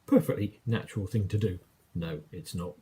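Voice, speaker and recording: A man's voice: sits low, moderate pace, warm tone, breathy edge. A man with an English accent preaching a sermon, telling a story in a conversational way and acting out quoted lines.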